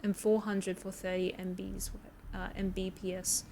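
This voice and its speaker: A woman's voice: mid-range voice, level tone, normal speed, mellow, slight background noise. A woman streaming a game, chatting casually with viewers, rambling and swearing freely. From Australia.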